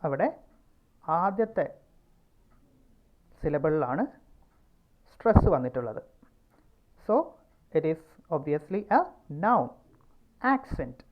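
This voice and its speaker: A woman with a Malayali accent teaches pronunciation at an unhurried, careful pace, her voice sitting on the lower side. She says words over and over to show where the stress falls. The recording sounds dull and lo-fi. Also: animated. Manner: slow and deliberate, repeating words to show stress. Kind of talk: pronunciation lesson.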